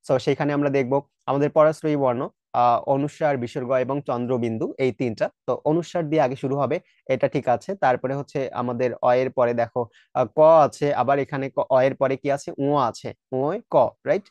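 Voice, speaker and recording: A man's voice: medium pitch, fairly even intonation, fairly quick, darkish tone, no echo. A man with a Bangladeshi Bengali accent teaching an exam prep lesson, explaining step by step, asking rhetorical checks, sounding out word pronunciations, and mixing English words into his speech.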